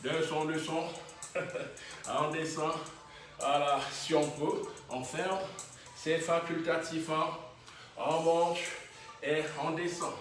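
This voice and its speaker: A man's voice: a little high, little pitch movement, slow, long pauses, a bit bright. A man leading a fitness class, calling out short encouraging exercise cues and chuckling often. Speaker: fitness instructor. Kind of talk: workout class instruction. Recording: very echoey room, voice from a distance, faint music.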